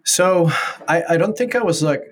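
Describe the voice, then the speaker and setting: A man's voice: fairly high pitch, normal speed. A man in his thirties from Venezuela, a startup founder speaking English as a second language, talking casually as an interview guest with many fillers and restarts. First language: Spanish.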